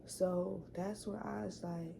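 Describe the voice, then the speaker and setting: A woman's voice: lowish voice, steady tone, takes it slowly, vocal fry, background noise. A young woman telling a casual storytime vlog story, chatty, full of fillers and repeated words. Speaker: vlogger.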